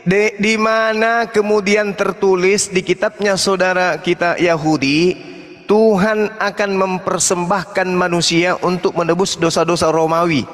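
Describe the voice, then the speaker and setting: A man in a heated interfaith debate, mocking his opponent and slowly reading verses aloud. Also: high-pitched, steady tone, a bit bright, big-room sound. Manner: mocking, challenging, reads scripture aloud slowly.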